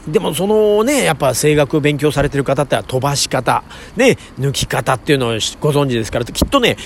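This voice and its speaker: A man chats politely and quickly, with plenty of fillers and a lively, rising and falling pitch. His voice is gravelly. He is recording outdoors near a train station, with faint street traffic behind him. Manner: chatty, polite, with many fillers. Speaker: podcast host. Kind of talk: casual solo talk.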